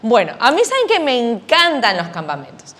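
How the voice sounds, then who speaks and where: A woman's voice: a little high, normal speed. A woman telling a story to children at church, often quizzing them with questions. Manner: animated, questioning the kids. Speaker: children's Sunday school teacher.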